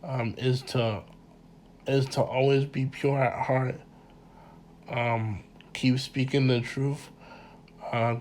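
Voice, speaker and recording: Male lecturer, stuffy and congested, slow halting delivery, mid-pitched, faint noise underneath. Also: little pitch movement, a little mellow. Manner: halting, many repeated words and ums; earnest, addresses listeners directly. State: congested from a cold. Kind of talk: informal mini lecture.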